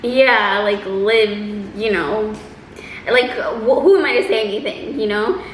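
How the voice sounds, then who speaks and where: A woman telling a personal story in a casual, chatty, animated way, acting out quotes as she goes. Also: mid-range voice, slow pace. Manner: animated, exaggerating delivery with acted-out quotes. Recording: roomy echo, faint background noise.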